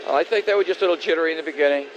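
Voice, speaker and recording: A man's voice: on the high side, very fast. A man in his sixties giving casual, modest, plain-spoken interview answers as a guest. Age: 60s. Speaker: former college hockey player, interview guest. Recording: dull lo-fi broadcast, faint noise.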